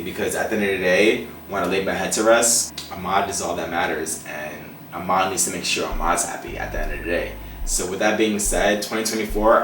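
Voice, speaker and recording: A man's voice: low-pitched, slight background noise. Chatty young man, echoey room. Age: 20s. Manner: chatty, confident, playful, animated. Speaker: vlogger. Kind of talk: casual Q&A vlog. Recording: echoey room, mic at a distance, faint music.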